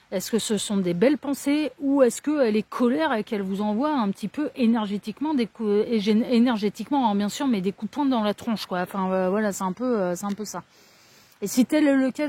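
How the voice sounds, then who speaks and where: A woman's voice: mid-range voice, a little mellow, husky, no room sound. A woman reading tarot cards in French, who talks casually and rambles into asides with many fillers. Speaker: tarot card reader. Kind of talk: casual card-reading monologue.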